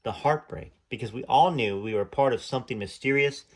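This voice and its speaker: A man with a medium-pitched voice reads a memoir a little fast. He's a channel host, sincere in his reading, who stops from time to time for hesitant, casual asides.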